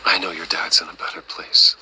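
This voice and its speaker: A man playing a grieving, resolute billionaire with a secret life in a video game, speaking low, hushed and breathy with grave restraint. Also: little pitch movement, a little fast, whispered, low-quality recording. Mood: gentle. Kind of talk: video game dramatic acting.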